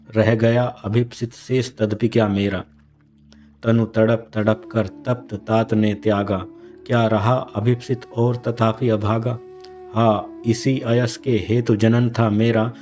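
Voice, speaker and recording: A man reciting the lines of a humble, despairing young prince in solemn, measured verse. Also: lowish voice, a little mellow.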